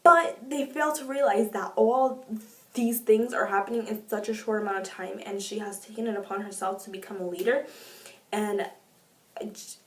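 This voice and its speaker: Woman, casual book vlog, gushing, excitable, roomy echo, mic set back. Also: normal speed. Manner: gushing, excitable, with sudden pitch jumps. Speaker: book reviewer. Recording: echoey room, mic at a distance.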